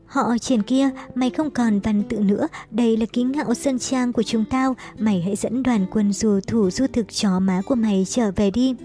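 Furious defiant young woman read by a woman, raised pitch, gritted-teeth shouting, mellow tone. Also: moderate pace, few pauses, soft background music, lightly acted.

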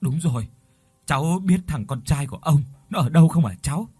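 A stooped, toothless old village man in an audio story, asking in a low, hurried voice, as a male narrator puts him on. The tone is husky and quiet. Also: expressive, dry recording. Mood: worried. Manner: quick, low, anxious questioning.

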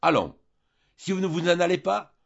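A man's voice: high voice, lively intonation, normal speed, vocal fry, voice pushed up, exaggerated voice. A man voicing a firm young male student boarder in an audiobook, speaking with a raised voice. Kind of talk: audiobook character voice. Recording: muffled lo-fi recording.

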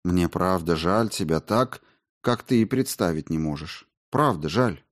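A man reading an audiobook, voicing a composed tsaritsa who speaks in a measured, sorrowful way. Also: sits low, expressive. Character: grave, composed fairy-tale tsaritsa.

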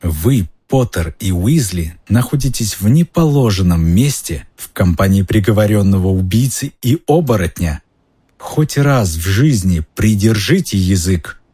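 A venomous, sneering male schoolmaster, put on by a man narrating a story. He hisses his threats in a husky, lowish voice. He bursts into shouting when he is crossed. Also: expressive, a little slow. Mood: cold contempt.

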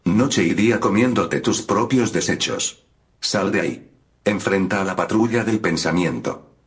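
A man's voice: low-pitched, measured pace. A man playing a stern public-health announcer who issues grave warnings, heard as if over an old, crackly AM radio. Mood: ominous.

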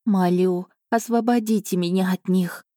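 An ancient female spirit of an island pleads in a slow, solemn audiobook voice, put on by a woman narrator. The tone is mellow and dark, recorded close and dry. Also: on the low side, steady tone, no room sound, natural voice. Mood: tearful imploring. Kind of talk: audiobook reading.

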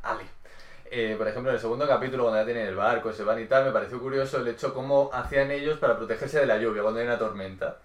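Fast-talking man in an echoey room. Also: mid-range voice. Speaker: podcast co-host. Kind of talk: casual chat.

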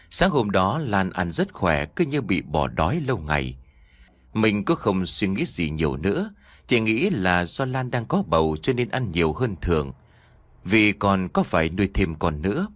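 A man narrating a horror audio story in an expressive, storytelling manner. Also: sits low, dry recording.

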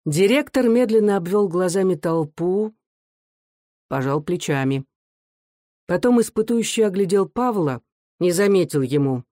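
Measured audiobook narrator, dry sound. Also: medium pitch, lively intonation, mellow, no echo. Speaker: audiobook reader. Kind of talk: scripted literary narration.

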